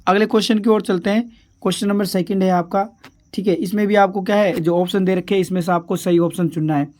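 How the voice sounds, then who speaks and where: A male teacher with a high, steady, slightly mellow voice leads an exam revision lesson patiently and repetitively. He asks a question, pauses, answers it himself, and keeps calling his pupils dear children, drawing out English words and sentences slowly piece by piece.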